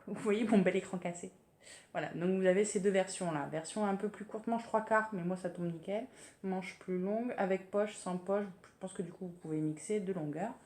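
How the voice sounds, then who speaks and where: A woman's voice: medium pitch, mellow. Chatty French woman in an echoey room. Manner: chatty, hesitant, many fillers and restarts. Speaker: sewing vlogger. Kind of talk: casual sewing podcast chat. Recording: echoey room with faint ambience.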